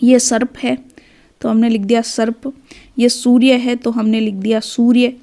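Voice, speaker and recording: Patient, high-voiced woman teacher. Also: flat delivery, dark tone. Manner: patient, repeats each word slowly and clearly. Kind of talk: children's Hindi phonics lesson.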